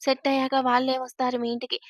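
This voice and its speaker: A woman reading the lines of a young man who teases his best friend, in quiet, low-key banter. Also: completely flat delivery, fast, no room sound, studio quality. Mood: teasing.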